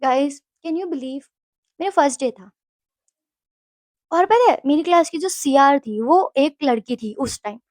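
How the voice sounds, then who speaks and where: A young woman from Delhi telling a storytime vlog in an animated, chatty way. She mixes Hindi and English and keeps checking in with her viewers. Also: high voice, slow, long pauses, dry recording. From Delhi, India. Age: young adult. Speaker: vlogger. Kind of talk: casual storytime.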